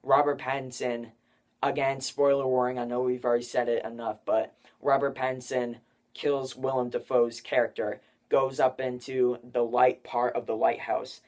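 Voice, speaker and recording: A young man hosts a casual spoiler discussion of a film, rambling with lots of fillers and saying "like" often. His mid-range voice is level and somewhat dark, at a moderate pace.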